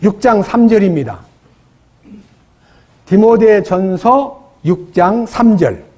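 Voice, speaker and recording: Korean pastor guy preaching, husky voice pitched up high, keeps asking the church questions. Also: animated, takes it slowly, darkish tone. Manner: preaching with questions to the congregation and acted prayers. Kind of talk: sermon.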